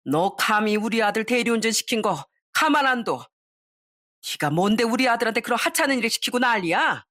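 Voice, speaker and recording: Woman doing a shrill, furious older mother-in-law. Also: expressive, a little fast. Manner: yelling, scolding.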